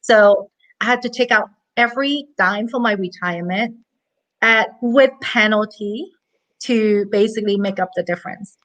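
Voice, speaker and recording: A woman's voice: mid-range voice, moderate pace, a bit bright, low-quality recording. A woman in her thirties from Hong Kong, a money coach telling her story as an interview guest in an earnest, chatty way. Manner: earnest, chatty, with light laughs.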